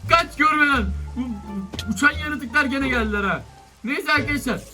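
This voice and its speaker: A young Turkish-accented man talks through a Minecraft playthrough in a high, bright voice. He narrates his moves with lively energy and keeps erupting in exasperation at the monsters. Faint game music plays underneath. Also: normal speed. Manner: excitable, exasperated outbursts at attacking monsters. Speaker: gaming YouTuber. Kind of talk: Minecraft let's-play commentary.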